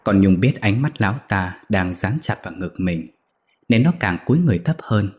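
A man narrating a scripted ghost story in a steady, even storytelling manner. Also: sits low, normal speed.

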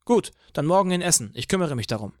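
A man's voice: a little high, lively intonation, fast, no echo, clean studio sound, pitched above the performer's own voice, lightly acted. A man voicing a stern police commander. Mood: stern, insistent. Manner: raised, firm, warning tone. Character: gruff male police commander, middle-aged, stern. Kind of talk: audiobook dialogue reading.

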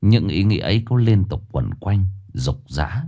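A man narrating a ghost story in a dramatic, lively way. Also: low voice, a little slow. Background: faint music.

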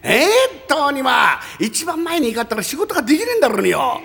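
Man doing a gruff scolding Tokyo townsman. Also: very high voice, big pitch swings, fast, pushed and bright, full character voice. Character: short-tempered Edo man scolding his dim friend. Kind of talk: rakugo performance.

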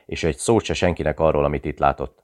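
A man voicing a gruff, impatient male army sergeant in an audiobook, speaking brusquely. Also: extremely low pitch, fairly even intonation. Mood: exasperated. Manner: brusque, exasperated.

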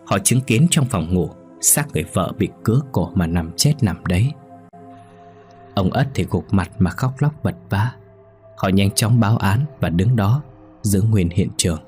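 A man narrating a ghost story in a steady storytelling manner. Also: fairly low pitch, unhurried, soft background music.

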